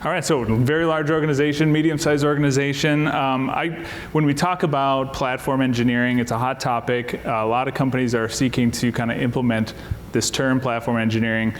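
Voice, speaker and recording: A man moderating a conference panel, asking brisk, encouraging questions. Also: mid-range voice, steady tone, a little hiss or hum. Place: conference stage. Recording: hall reverb with faint ambience.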